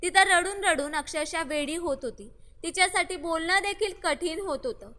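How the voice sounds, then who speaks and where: A woman reading a scripted first-person story in a steady, even voice with no fillers. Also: very high-pitched, moderate pace. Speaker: narrator. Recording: long hall reverb.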